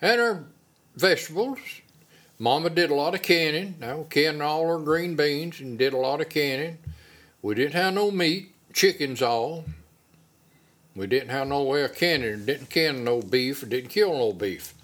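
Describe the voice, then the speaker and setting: An older man with an Appalachian accent casually recalls his childhood in an oral-history interview, using folksy rural phrasing. His voice sits a little high and is expressive, with a measured pace and a fairly bright tone.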